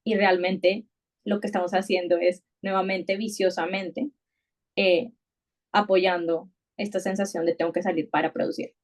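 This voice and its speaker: A woman's voice: fairly low pitch, flat delivery, moderate pace. A woman hosting a conversation. She speaks thoughtfully, often restarting and repeating words as she works through an idea. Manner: thoughtful, many restarts and repetitions. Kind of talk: reflective conversational podcast talk.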